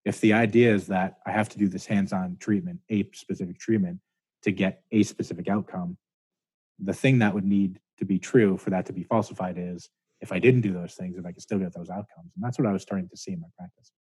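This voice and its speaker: Husky, mellow-voiced man explaining. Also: deep voice, fairly even intonation, brisk, dry recording. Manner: thoughtful, explaining ideas at length with hedges. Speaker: chiropractor guest. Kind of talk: casual interview talk.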